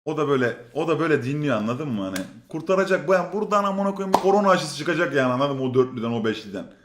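A man tells a story in a casual, animated way, with a voice that sits a little high and swings widely in pitch. He swears freely and breaks into laughter. His voice rings in an echoey room. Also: very fast, background noise. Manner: swearing, laughing storyteller who acts out others' lines. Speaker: storyteller on a stream. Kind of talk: casual anecdote telling.

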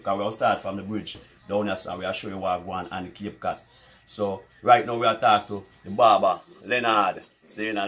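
Jamaican man hosting in a barbershop. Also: lowish voice. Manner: repetitive, rambling, many restarts. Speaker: show host. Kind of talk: casual street interview. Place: small indoor barbershop.

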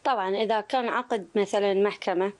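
A woman's voice: medium pitch, fairly even intonation, fast talker, darkish tone. A woman in her thirties with an Iraqi Arabic accent, giving a personal account as an interview guest. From Iraq. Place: small indoor room. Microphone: handheld reporter mic held close.

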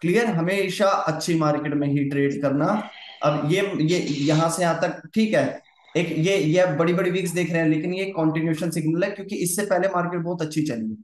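A man with a fairly high, brisk voice gives a casual lesson on trading charts in a reverberant space. He repeats himself and coaxes his listener along, constantly checking that they follow.

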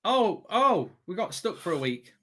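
Animated, high-voiced man commenting on football. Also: a little slow. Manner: animated, repeats phrases for emphasis. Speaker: football watch-along host. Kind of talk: casual live match commentary. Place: indoor desk streaming setup.

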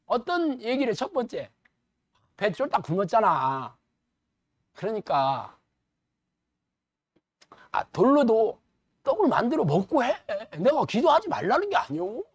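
Animated colloquial male pastor preaching. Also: extremely high pitch, a little slow, pauses often, slightly rough, dry recording, studio quality. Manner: animated, colloquial, rhetorical questions. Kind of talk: sermon lecture.

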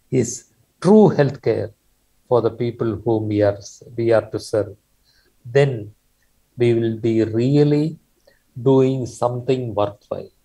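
A man's voice: medium pitch, creaky, mellow, slightly rough, poor audio. An older man with a Malayalam accent giving an earnest, formal keynote speech over a video call. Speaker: keynote speaker. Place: indoor room on video call. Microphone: video call microphone.

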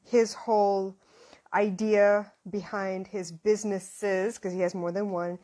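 A woman's voice: medium pitch, level tone, takes it slowly, dark tone. A woman hosting a live video chat, talking casually and enthusiastically with lots of fillers, on an earphone mic in a small room. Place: indoors, small room, phone selfie. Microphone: wired earphone mic. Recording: slightly dull lo-fi live-stream audio.

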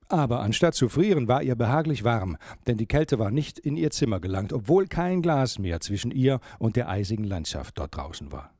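A man reading a storybook aloud, with a lively melody that rises and falls through each sentence. His voice sits at a medium pitch and the sound is close and dry, with no room echo. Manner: expressive, varied storytelling delivery. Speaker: story reader. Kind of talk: expressive storybook narration.

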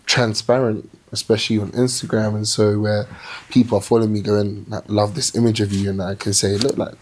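A man's voice: lowish voice, fairly quick. Reflective young man, podcast guest. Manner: reflective, animated storytelling with restarts. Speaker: plus-size model, podcast guest. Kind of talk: casual interview chat. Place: small indoor studio with sofa.

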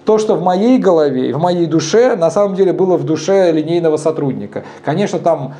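Speaking fairly quickly in a slightly high voice, a bar co-founder in his thirties answers casual interview questions inside a dim bar. He's animated, gestures as he goes, and doesn't hold back, speaking frankly and bluntly.

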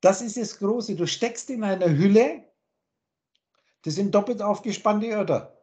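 A man's voice: high-pitched, measured pace, a little mellow. A man, a spiritual teacher, giving a long philosophical monologue on a video call, insistent and full of rhetorical questions. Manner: insistent, repeats points and asks rhetorical questions.

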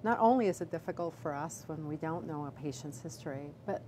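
Middle-aged woman doctor with a low voice; careful, hesitant answers, noisy line. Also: animated, warm tone. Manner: measured, with many fillers and restarts. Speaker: obstetrician gynecologist, chief medical officer. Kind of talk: live video Q&A answer. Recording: background noise.

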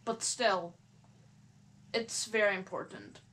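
A woman's voice: mid-range voice, takes it slowly, fairly bright tone. A woman gaming YouTuber talking casually to her viewers while playing, hesitant and stuttering, often restarting her sentences. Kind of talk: casual vlog talk while playing a game.

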